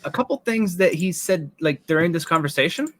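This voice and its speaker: A man's voice: a little high, expressive, fairly quick, no room sound. A man narrating as game master of a tabletop game, casual and thinking aloud.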